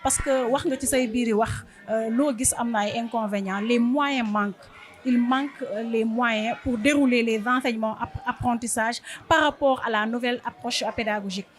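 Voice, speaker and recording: Senegalese woman interviewer, slightly high. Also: fairly even intonation, moderate pace, faint music behind. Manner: hesitant, many fillers and restarts. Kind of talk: interview questions.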